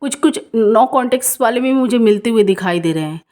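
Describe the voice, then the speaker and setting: A woman's voice: a little high, animated, normal speed, mellow. A woman doing a casual, reassuring tarot reading for viewers, repeating herself and mixing in English words. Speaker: tarot card reader.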